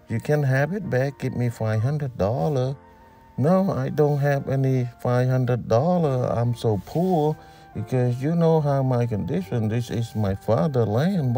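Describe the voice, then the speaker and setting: A man's voice: mid-range voice, warm tone. A man giving a plain English voice-over of a translated interview. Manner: plain, slow, unhurried delivery in simple English.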